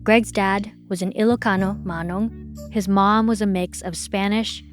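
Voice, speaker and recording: A woman hosting a podcast, reading a scripted documentary narration in a measured, explanatory way. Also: mid-range voice, fairly even intonation, soft background music. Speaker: podcast host.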